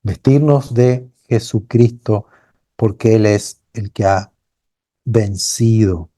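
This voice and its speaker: Slow, earnest male preacher. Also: mid-range voice, dark tone. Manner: slow, earnest preaching, rising to fervent cries; acts out quoted voices of a blind beggar crying out. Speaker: pastor. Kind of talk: sermon.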